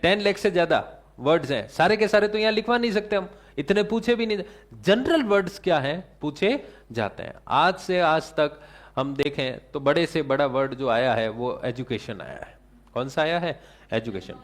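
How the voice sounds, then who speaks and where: A male teacher giving a classroom lecture, asking the class questions and answering them himself, with English terms mixed into his talk. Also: on the high side.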